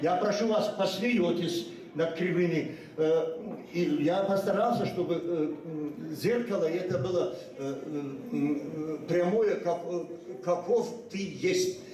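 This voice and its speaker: This clip captures an elderly man, Ossetian by first language, delivering an unplanned ceremonial address at a memorial held in a school hall. His high voice sounds warm but distant and echoey, and his delivery stumbles with frequent pauses and restarts.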